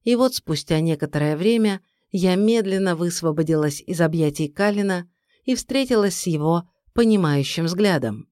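A woman reading a first-person fantasy audiobook in a steady, even storytelling voice. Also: fairly low pitch, moderate pace, no room sound, clean studio sound. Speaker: audiobook narrator. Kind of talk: scripted first-person narration.

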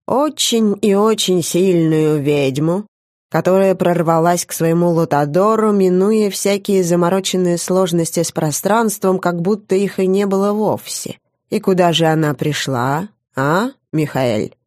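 A woman voicing a sly, scheming middle-aged male academy director in an audiobook, speaking in a smug, drawn-out, biting way. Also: lowish voice, darkish tone, dry recording, studio quality, close to an everyday voice. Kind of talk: audiobook character voice.

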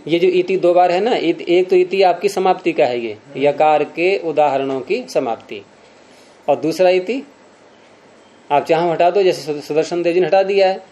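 A mellow, fairly high-pitched man leads a class through a grammar text. He reads lines aloud, then breaks them down slowly and puts questions to his students. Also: highs cut off. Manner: patient, questioning students, slows to spell out examples. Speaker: Sanskrit grammar teacher.

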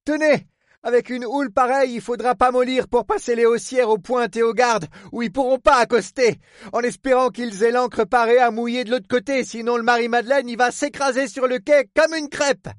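A man voicing a gruff, fretful middle-aged male harbor superintendent in an audiobook, speaking bluntly and rustically, full of oaths. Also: very high-pitched, steady tone, normal speed, dry recording, clean studio sound, voice pushed up. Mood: urgent. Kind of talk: audiobook character voice.

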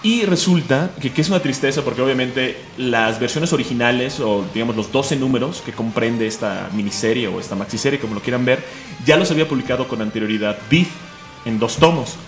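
A man with a Mexican accent and a medium-pitched voice hosts a comic radio show, chatting casually, fast, joking, enthusiastic, and laughing often. The sound is reverberant, with faint music behind him.

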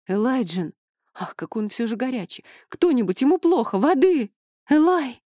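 A woman narrator voicing an excitable, caring young woman who cries out loudly in a high voice. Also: normal speed, no room sound, clean studio sound. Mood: excited shouting. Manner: loud, exclamatory.

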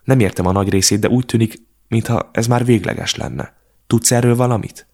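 A man's voice: mid-range voice, vocal fry, darkish tone, pitched above the performer's own voice. A man voicing a frightened teenage girl in an audiobook, pleading and distressed.

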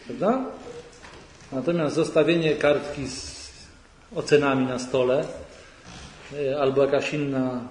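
A man's voice: mid-range voice, steady tone, measured pace, long pauses, darkish tone. A man giving a conversational lecture at a church retreat, often asking the audience rhetorical questions. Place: large sanctuary hall. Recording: echoey hall recording, faint noise.

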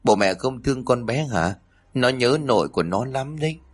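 A man's voice: mid-range voice, expressive, moderate pace, slightly rough, pitched above the performer's own voice. A man reading aloud, voicing a devoted young son in a family storybook tale who speaks earnestly and pleads.

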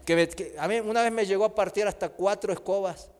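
A man's voice: sits high, brisk. A middle-aged man, preaching a sermon emphatically and mixing in humorous stories about his own life. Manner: emphatic, with humorous personal anecdotes. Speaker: pastor. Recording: long hall reverb.

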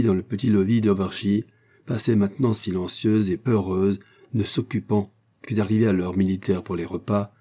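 A man narrating a classic adventure novel in a steady, measured reading. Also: on the low side. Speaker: audiobook narrator. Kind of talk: scripted narration.

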